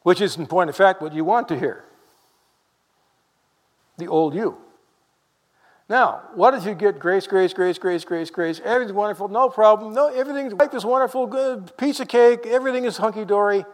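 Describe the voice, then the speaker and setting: A man preaching a sermon in a lively, conversational way, full of rhetorical questions to the congregation. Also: high voice, normal speed, long reverb tail.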